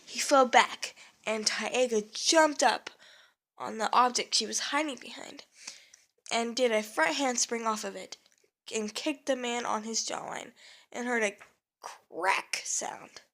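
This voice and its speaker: A young woman reads her own adventure story aloud, slow and halting, pausing to fix her slips. Her voice sits a little high and the reading never hurries. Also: a bit bright. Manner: slow, halting reading with self-corrections and asides.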